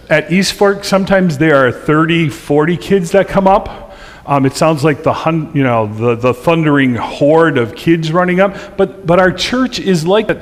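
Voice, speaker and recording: Chatty pastor in a reverberant church. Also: male voice, a little high. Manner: chatty and humorous, laughing at his own stories. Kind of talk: church presentation with storytelling. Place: church sanctuary.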